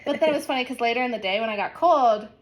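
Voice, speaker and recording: A woman's voice: fairly high pitch, very fast. A young woman co-hosting a podcast, telling stories in a rambling casual chat full of fillers. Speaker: podcast co-host.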